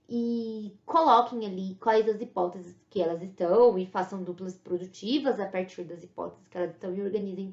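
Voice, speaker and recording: Brazilian woman teacher, gravelly edge, lecture-style explaining, roomy muffled recording. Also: medium pitch. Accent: Brazilian Portuguese. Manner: explanatory, frequent "né?" tag questions. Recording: echoey room, dull lo-fi sound.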